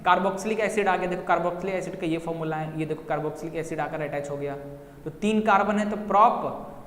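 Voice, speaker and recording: A man's voice: high voice, fast talker, a bit bright. A young man teaching chemistry at a whiteboard, talking directly to his students and repeating key points to coax them along. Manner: repetitive, coaxing, addresses students directly. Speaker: science teacher. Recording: echoey room with long reverb, faint noise.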